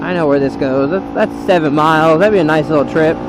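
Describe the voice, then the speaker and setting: A man's voice: a little high, brisk. An American man rambling casually to viewers from inside a motorcycle helmet as he rides and vlogs. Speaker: motovlogger. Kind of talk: casual rambling vlog while riding a motorcycle. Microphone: helmet microphone. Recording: loud engine and wind noise, helmet mic.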